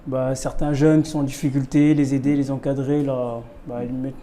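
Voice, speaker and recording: A man's voice: mid-range voice, flat delivery, normal speed, warm tone, slight background noise. A young man in his twenties, a rugby player, talking casually as a radio guest and using lots of filler words. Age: 20s. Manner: casual, filler-heavy speech.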